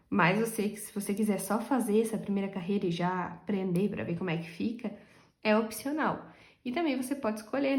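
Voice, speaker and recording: A woman's voice: medium pitch, a little mellow, reverberant. A woman giving a chatty, casual crochet tutorial, her voice stuffy and nasal from a cold, often checking in with her viewers as she works. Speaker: crochet instructor.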